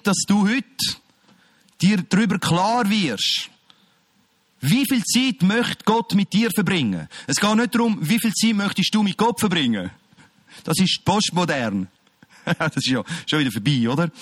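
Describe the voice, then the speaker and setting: A male preacher with a notably high voice. He speaks emphatically and addresses listeners directly, moving between loud calls and quiet, close passages. The sound is dry and close, with no room echo. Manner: emphatic, swings from shouting to quiet. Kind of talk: sermon.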